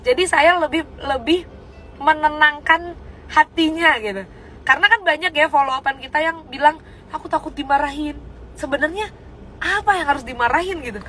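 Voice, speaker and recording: A woman coaching her team in a casual talk, frank and animated, often asking her listeners rhetorical questions. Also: high-pitched, moderate pace, a little hiss or hum, poor audio.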